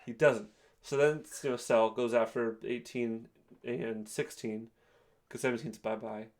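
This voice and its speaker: A man's voice: mid-range voice, steady tone, a little slow, darkish tone. Young man casually summarizing. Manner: plain explaining, full of "like". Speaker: co-host. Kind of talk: casual chat.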